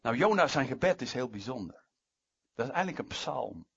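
A man preaching a sermon, emphatic, moving between loud stresses and quiet asides. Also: medium pitch, very animated, moderate pace, gravelly, breathy edge, dry recording, dull audio.

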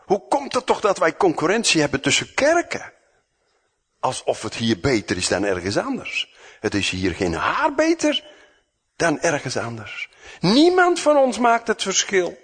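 Husky preacher, dramatic swings. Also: male voice, mid-range voice, wildly swooping pitch, moderate pace. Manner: dramatic, swings from loud to hushed, acts out dialogue. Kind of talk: sermon.

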